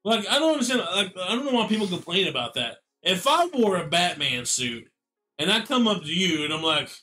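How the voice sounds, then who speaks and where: A man co-hosting a relaxed podcast with friends, his voice bright and forward, sitting a little above the usual male range. He talks in an animated, joking way, circling back and restarting his sentences. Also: high voice, fairly quick. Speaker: podcast co-host. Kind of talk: casual chat.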